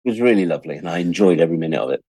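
He talks rapid-fire in a low, warm voice with vocal fry, and there's no room sound. The speaker is a British English writer-producer in his 60s, a chatty, self-deprecating interview guest who acts out dialogue while telling lively anecdotes.

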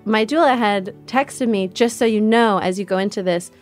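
A woman telling a personal story as a podcast guest, candid and animated, acting out what others said. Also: medium pitch, normal speed, faint music behind. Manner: candid, animated retelling with quoted voices.

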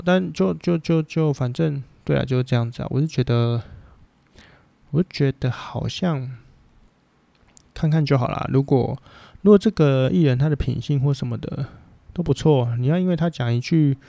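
A man with a Taiwanese Mandarin accent holds forth in a casual podcast chat, blunt and rambling, swearing without a second thought. His voice has a gravelly, mellow timbre. The sound is dry and close, with no room around it. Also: mid-range voice, dry recording. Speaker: podcast host.

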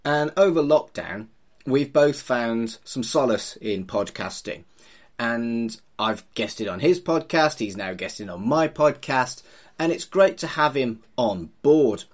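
A man's voice: medium pitch, animated, slow pace. A middle-aged man, hosting a podcast in an informal, teasing, chatty way. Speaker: podcast host, funeral celebrant.

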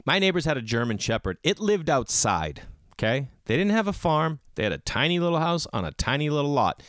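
A man's voice: a little high, very animated, brisk, a bit bright, no room sound, studio quality. A man hosting a solo podcast in a casual, opinionated rant, blunt and emphatic, with bro-style slang and swearing. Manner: rhetorical questions answered by himself. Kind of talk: casual ranting monologue. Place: garage.

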